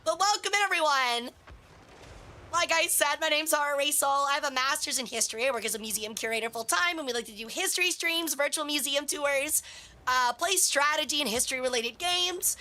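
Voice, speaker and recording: Female game streamer and commentator, very high bright voice, cute bubbly delivery for viewers. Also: brisk. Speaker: streamer hosting a tournament.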